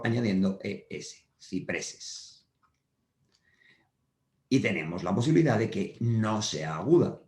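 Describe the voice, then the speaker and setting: A man giving a patient whiteboard grammar lesson to schoolchildren, repeating each point and checking in often. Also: on the low side. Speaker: primary school teacher. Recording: roomy echo.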